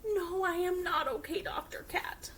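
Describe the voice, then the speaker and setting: A woman's voice: very high-pitched, steady tone, a bit bright, slight background noise, pitched above the performer's own voice. A woman voicing a worried male elephant who keeps sneezing, reading a picture book aloud. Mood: fretful. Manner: fretful, halting, sneezy.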